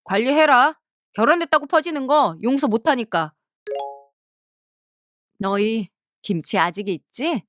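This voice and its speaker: A woman's voice: a little high, expressive, unhurried, long pauses, a bit bright, no echo, clean studio sound. Woman doing a scornful, berating mother-in-law. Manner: contemptuous, berating. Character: harsh scolding middle-aged mother-in-law. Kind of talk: storybook cartoon voice acting.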